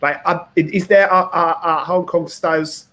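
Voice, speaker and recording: A man's voice: a little high, steady tone, normal speed, sharp tone. A man hosting a podcast interview, asking questions while repeating himself and searching for words. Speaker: podcast host.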